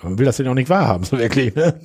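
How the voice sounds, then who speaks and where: A man's voice: mid-range voice, sing-song, very fast, darkish tone, breathy edge. A man co-hosting a podcast, telling a long, rambling anecdote in casual chat and mimicking what others said. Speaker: podcast co-host.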